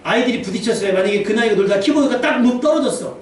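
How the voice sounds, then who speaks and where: A man preaching a lively, humorous sermon as pastor, acting out little quoted scenes. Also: extremely high pitch, rapid-fire. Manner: animated, humorous, acts out quotes. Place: church sanctuary. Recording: very echoey church hall, distant mic, faint noise.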